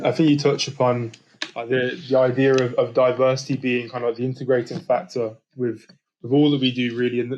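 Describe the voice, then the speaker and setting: Flat-voiced male podcast host. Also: medium pitch, a little hiss or hum, poor audio. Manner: even-toned, rambling questions with restarts. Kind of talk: conversational interview.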